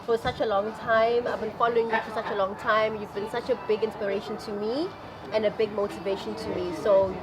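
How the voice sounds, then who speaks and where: A woman's voice: medium pitch, fairly even intonation, fairly quick, crowd noise, poor audio. A woman hosting a conversational interview in an effusive, gushing manner. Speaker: show host, interviewer. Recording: music under the talk. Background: music.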